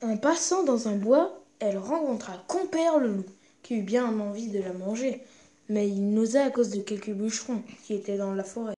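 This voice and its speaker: A woman reading a classic fairy tale aloud as the storyteller, in a steady, careful way. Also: mid-range voice, normal speed.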